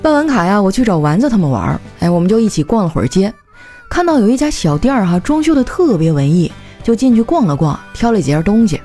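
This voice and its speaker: A woman's voice: mid-range voice, big pitch swings, fast, warm tone, soft background music. A young woman hosting a comedy show, telling funny stories in a chatty way and laughing as she talks. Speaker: comedy podcast host. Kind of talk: comic storytelling monologue.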